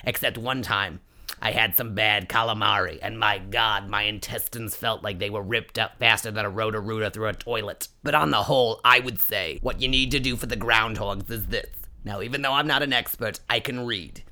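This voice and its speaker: A man's voice: fairly low pitch, moderate pace, bright, forceful tone. A man voicing a cranky older woman who answers listener questions, indignant and sarcastic. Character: cranky New York older woman advice columnist.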